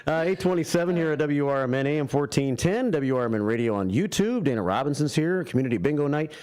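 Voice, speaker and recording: A man's voice: on the high side, animated, quick pace, darkish tone. An American man hosting a live radio interview in a chatty, conversational style. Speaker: radio show host.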